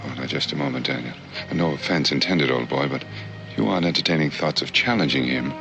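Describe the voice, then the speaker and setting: An actor playing a refined, cautious frontier companion in a TV western, measured and formally polite. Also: male voice, very deep voice, vocal fry. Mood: wry concern. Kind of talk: 1960s television western acting. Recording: dull old TV soundtrack with music.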